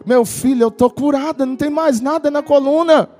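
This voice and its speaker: A man's voice: very high-pitched, moderate pace, mellow, faint music behind. A man voicing his elderly mother in a retold phone call, speaking plainly and earnestly. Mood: joyful. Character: older mother with back pain, then joyful when healed.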